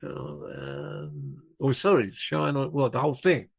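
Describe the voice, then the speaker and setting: Slow, gravelly older man. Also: medium pitch. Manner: rambling, self-correcting anecdotes. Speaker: guest, rock drummer. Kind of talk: relaxed storytelling in conversation.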